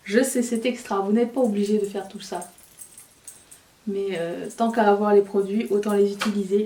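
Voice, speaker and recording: A woman's voice: medium pitch, darkish tone, reverberant, far from the mic, slight background noise. A woman vlogger chatting casually to viewers while she does her makeup, joking at her own expense. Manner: chatty, self-mocking, talks while applying makeup. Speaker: beauty vlogger. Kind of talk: casual makeup tutorial chat.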